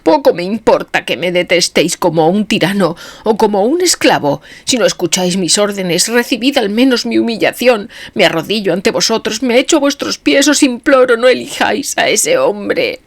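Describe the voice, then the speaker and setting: A woman voicing a frantic, desperate male anarchist who shouts and pleads in anguish, in an audiobook reading. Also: on the low side, sing-song, normal speed, full character voice.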